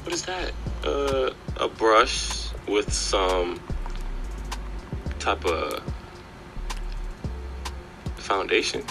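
A man's voice: lowish voice, big pitch swings, very slow, pauses often, poor audio. A man giving casual running commentary on a makeup routine in a puzzled, questioning manner. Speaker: guest voice-over commentator. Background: background music.

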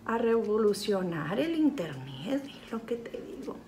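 There's slight background noise as this Sinaloan woman, speaking Mexican Spanish with a local accent, jokes her way through a casual makeup tutorial and teases an off-camera helper while poking fun at herself. Her mid-range voice is warm and sing-song, at a measured pace.

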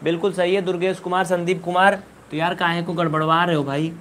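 A man's voice: high-pitched, little pitch movement, quick pace, fairly bright tone, slight background noise. A man teaching a live online maths class, repeating questions and scolding his students. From India.

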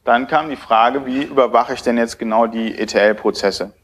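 A man's voice: medium pitch, normal speed, a bit bright, slight background noise. A man in his thirties giving a technical conference talk at a podium in a lecture hall, speaking hesitantly with many filler sounds.

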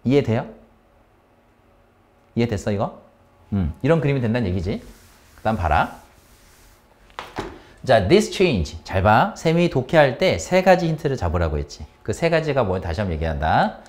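Lively male English tutor quizzing students. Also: mid-range voice, moderate pace, long pauses. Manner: questioning students constantly, explaining step by step. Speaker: English teacher. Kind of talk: exam-prep lecture.

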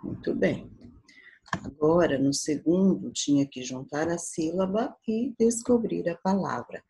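A Brazilian woman teaching a primary school class, patiently sounding out syllables slowly for young children. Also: on the low side, warm tone, breathy edge, poor audio. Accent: Brazilian Portuguese. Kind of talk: slow, patient remote class lesson.

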